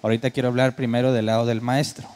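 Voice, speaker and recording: A man's voice: medium pitch, level tone, quick pace, a little mellow. Conversational man preaching a sermon. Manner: conversational, asks the congregation rhetorical questions; mimics worship keyboard sounds for comic effect. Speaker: pastor.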